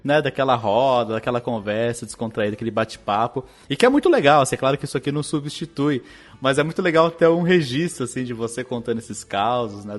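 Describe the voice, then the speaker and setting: A man hosting a podcast, wrapping up with chatty, grateful thanks to his guest. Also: medium pitch. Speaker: podcast host. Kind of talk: closing remarks of a podcast.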